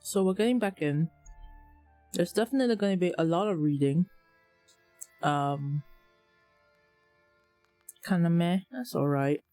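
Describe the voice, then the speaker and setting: A woman streamer chatting casually with her viewers, talking with a slight lisp and a relaxed, rambling manner. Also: lowish voice, unhurried, pauses often, soft background music. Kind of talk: casual live-stream chat.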